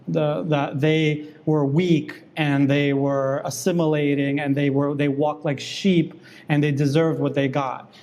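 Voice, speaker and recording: A man in the guest seat of an interview, arguing his case insistently and quickly, often cutting in. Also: on the high side, a little mellow, slight background noise. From New York. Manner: fast, insistent, interrupts and argues back. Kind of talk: heated political debate.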